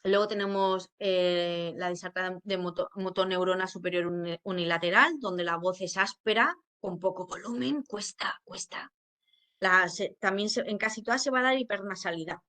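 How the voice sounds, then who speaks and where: A woman's voice: on the low side, fairly even intonation, normal speed, hardly any pauses, sharp tone. A woman speech therapist with a Spain Spanish accent gives an informal educational talk. She explains patiently, with many fillers and frequent checks that listeners follow.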